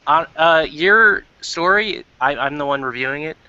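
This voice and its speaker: A man's voice: on the high side, expressive, moderate pace, bright, forceful tone, clear, resonant tone, dry recording. A man reviewing a story, joining a voice call and speaking hesitantly with stumbles. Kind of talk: casual chat over voice call. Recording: dull lo-fi voice call.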